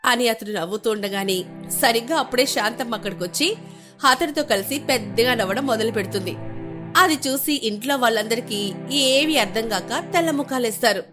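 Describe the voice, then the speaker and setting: A woman narrating an animated family story in a dramatic storytelling manner. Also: on the high side, moderate pace, over music.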